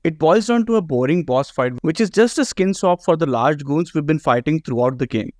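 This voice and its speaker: A man's voice: fairly high pitch, animated, fairly quick, a little mellow, no room sound, clean studio sound. Sarcastic, profane male game commentator. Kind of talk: scripted narration.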